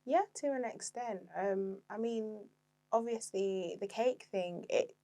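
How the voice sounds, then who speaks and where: A young woman as a guest in a casual podcast interview, talking in an unhurried, supportive way. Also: mid-range voice, mellow. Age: young adult. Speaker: guest, interior decor founder.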